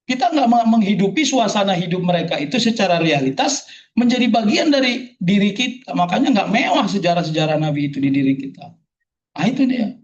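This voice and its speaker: A man's voice: high-pitched, very animated, brisk, slight background noise. A man preaching a sermon to a gathering, joking and firing rhetorical questions at the audience. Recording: distant, dull hall recording.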